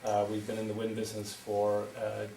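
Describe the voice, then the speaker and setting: A middle-aged Irishman from County Wexford, a wind energy developer, gives a hesitant presentation at a town meeting, full of ums and restarts. His low, creaky voice stays monotone and moves fairly quickly. The echoey hall is recorded from far off, with heavy background noise.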